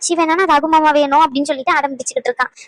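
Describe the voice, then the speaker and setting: A woman voicing an anxious young mother in a cartoon, complaining fast about her sick child. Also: high-pitched, steady tone, a bit bright, no room sound. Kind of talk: cartoon voice acting.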